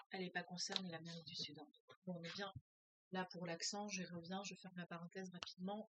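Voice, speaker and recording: This rough, echo-free recording features a woman with a rather low voice. She teaches French as a foreign language and keeps interrupting her reading of a novel to remark on it, thinking aloud hesitantly with plenty of filler sounds.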